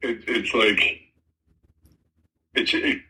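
A man's voice: fairly low pitch, drawn-out words, sharp tone, slight background noise. A man co-hosting a casual podcast chat over a tinny, metallic-sounding remote call, often stopping and restarting his words. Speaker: podcast co-host.

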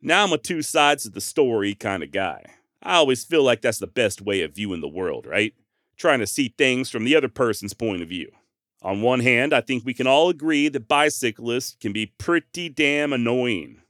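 A man's voice: mid-range voice, lively intonation, normal speed, a bit bright, no room sound, studio quality. Sarcastic podcast storyteller man. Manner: sarcastic, conversational, casual swearing. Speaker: podcast host.

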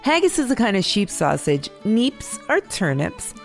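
Lively woman hosting a kids' news show. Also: mid-range voice, a little slow, soft background music. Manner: bright, explanatory storytelling delivery. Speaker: kids' news podcast host. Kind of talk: scripted narration for children.

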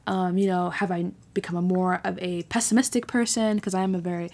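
A woman in her twenties co-hosting a podcast, chatting in an animated, teasing, rambling way. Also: lowish voice, brisk. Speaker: podcast co-host. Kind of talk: casual chat.

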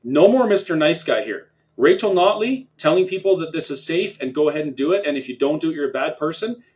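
A man hosting a discussion, speaking earnestly and building to forceful declarations. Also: fairly high pitch, lively intonation, a little fast. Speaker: host. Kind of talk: talk-show discussion.

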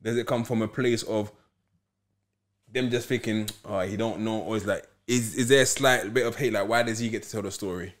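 A man talks as a podcast guest. He tells his stories at a quick clip, full of street slang and casual asides. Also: on the low side, fairly even intonation. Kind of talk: casual chat.

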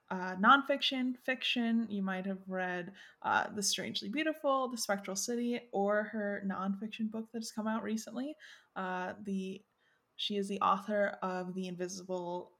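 A woman hosts a podcast in a mid-pitched voice. Her delivery is casual and chatty, with informal, self-deprecating phrasing. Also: a bit bright. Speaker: podcast host.

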